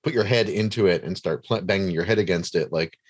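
A man's voice: sits low, quick pace, dry recording. A man hosting a casual interview, talking in a rambling way with many fillers and restarts. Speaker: podcast host interviewing a guest.

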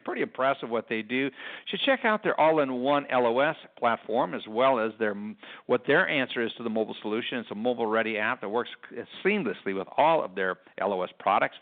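Male podcast host, creaky voice, casual and rambling business talk, echoey conference room over a phone-like connection. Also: medium pitch. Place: rented airport conference room. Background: room echo.

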